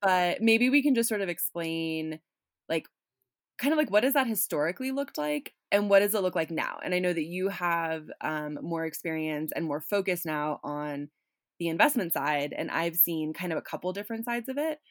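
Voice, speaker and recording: Woman, low voice, podcast host, casual, rambling with fillers, dry sound. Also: lively intonation, normal speed, no room sound. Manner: rambling, many fillers and restarts.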